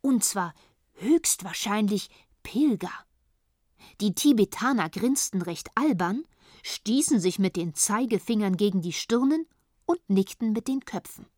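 A woman reading a children's story aloud in a calm, even storytelling manner. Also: mid-range voice, normal speed, no room sound, studio quality. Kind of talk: storybook narration.

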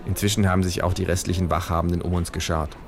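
Deep guy reading a story live, dry deadpan, crowd noise around. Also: fast. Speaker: author reading aloud. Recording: live stage with audience noise.

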